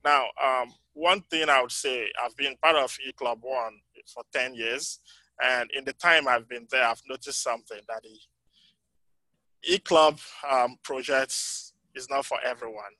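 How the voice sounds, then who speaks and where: Male panel speaker, bright forward tone, dry close sound, halting delivery with frequent ums. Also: mid-range voice, dry recording, rough recording. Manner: halting, many ums, voice fading in and out. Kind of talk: conference breakout talk. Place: conference breakout room.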